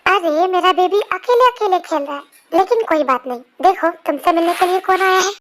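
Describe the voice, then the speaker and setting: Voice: very high voice, expressive, a little fast, a bit bright. A young performer voicing a doting, fussy mother of two boys in an amateur fan dub. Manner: affectionate, scolding by turns.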